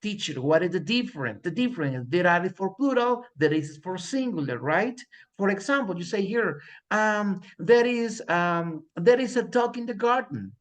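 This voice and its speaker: Teaching an English class in both Spanish and English, a man slowly repeats example sentences for his students. His voice sits high and sounds expressive.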